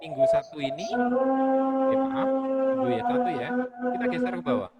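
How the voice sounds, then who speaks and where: A man's voice: very high voice, sing-song, moderate pace, very echoey, far from the mic, muffled recording, loud music behind the voice. A man teaching colleagues in an online lesson, explaining patiently step by step while his call audio breaks up and fades out. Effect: call audio breaking up and fading out. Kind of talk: online lesson with screen sharing. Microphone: video call.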